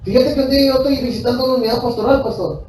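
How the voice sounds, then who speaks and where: A man's voice: extremely high pitch, very fast, darkish tone, slight background noise. A male pastor preaches a sermon. He speaks emphatically and repeats himself, addresses the congregation directly and tells personal stories. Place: church hall. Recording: echoey church recording from far off.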